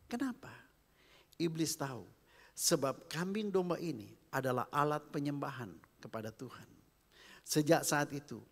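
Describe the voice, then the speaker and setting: A man preaching a sermon, swinging between hushed whispers and loud, emphatic calls. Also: mid-range voice. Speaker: pastor. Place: church hall. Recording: long reverb of a church hall with faint music.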